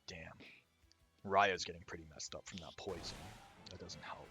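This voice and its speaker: A man with a hoarse, raw throat, casually explaining his own game while he plays it. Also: deep voice, fairly even intonation, moderate pace, pushed and bright, soft background music. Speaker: indie game developer. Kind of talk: let's-play commentary.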